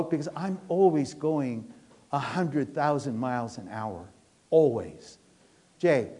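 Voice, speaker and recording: Animated, quick-talking male pastor, fairly high. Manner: earnest, fast-talking, animated with restarts. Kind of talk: sermon. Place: church.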